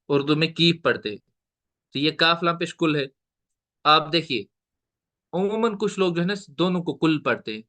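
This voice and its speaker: Bright-voiced man teaching. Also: fairly high pitch. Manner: explains slowly, repeats points, mixes English words into Urdu. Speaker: tajweed teacher. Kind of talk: recorded online lecture.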